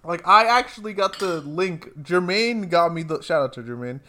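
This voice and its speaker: A man's voice: high voice, expressive, moderate pace, bright, forceful tone. A young man co-hosting a podcast, rambling at length and defending himself in casual chat. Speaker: podcast co-host.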